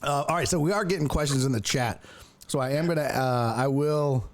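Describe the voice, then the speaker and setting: A man hosting a sports talk show, chatting casually and joking playfully with his guest. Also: fairly quick. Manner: joking, playful, swings into high disbelieving tones. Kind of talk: casual interview chat.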